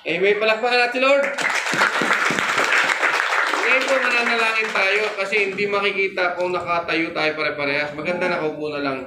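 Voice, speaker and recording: High-pitched preaching man in an echoey hall. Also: steady tone, a little fast, pauses often, a crowd in the background, background noise. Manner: preaching with call-and-response, telling a story. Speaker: pastor. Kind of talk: sermon.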